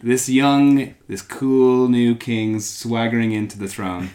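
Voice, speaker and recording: A man's voice: medium pitch, little pitch movement, takes it slowly, warm tone. A man casually telling a history story to co-hosts, rambling along with many fillers and playful asides. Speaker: podcast co-host telling the story.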